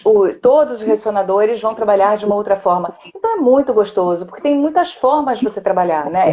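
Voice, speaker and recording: A woman's voice: medium pitch, dark tone, dull audio. Brazilian woman explaining like a vocal coach. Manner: explanatory, teacherly. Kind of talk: casual chat.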